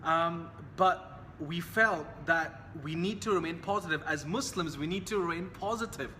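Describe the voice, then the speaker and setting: At a moderate pace, a bright-voiced young Hong Kong man chats casually to camera, high in pitch and earnestly repeating the same phrases. His words echo with long reverb over a faint hiss.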